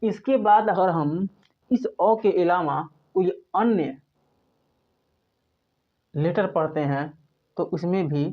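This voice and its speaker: A male teacher from India speaks, explaining a lesson step by step. He repeats himself patiently and keeps posing questions that he then answers. The recording sounds dull and lo-fi. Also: on the high side. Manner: patient, repeats points, asks and answers his own questions. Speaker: English teacher. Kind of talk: spoken classroom lesson.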